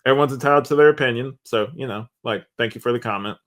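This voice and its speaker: A podcast co-host speaks quickly at a medium pitch. His talk is casual and rambling, with "like" tossed in often.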